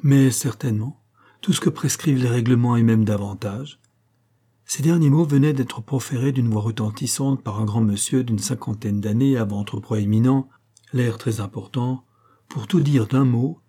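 Husky, dark-voiced male narrator. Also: mid-range voice. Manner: steady, deliberate reading. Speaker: audiobook narrator. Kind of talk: scripted literary narration.

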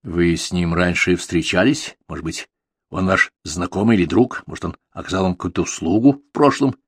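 A man's voice: low-pitched, normal speed, breathy edge, no room sound. A man reading a ruthless masked male crime boss in an audiobook, with a cold, commanding delivery.

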